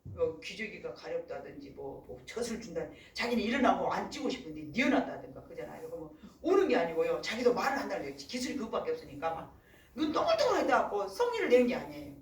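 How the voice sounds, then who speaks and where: A middle-aged woman pastor giving a sermon in animated storytelling, often acting out other voices. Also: lowish voice, fast talker, echoey room, distant mic, low-quality recording. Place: church.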